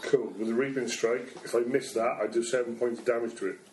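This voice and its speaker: A man's voice: mid-range voice, little pitch movement, fast, a little mellow, a little hiss or hum. A man playing a tabletop game, eagerly asking about the rules as he takes his turn. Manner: eager, checking rules with questions. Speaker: player. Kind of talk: casual tabletop game chat. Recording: echoey room with chatter behind.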